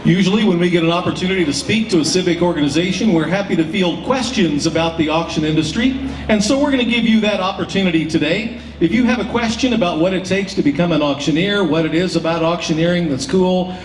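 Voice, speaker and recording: Pitched high and moving at a quick clip, this auctioneer and emcee addresses an audience at a public event, laying things out in a homespun, folksy style. His voice comes through a roomy, far-off PA with a little background noise.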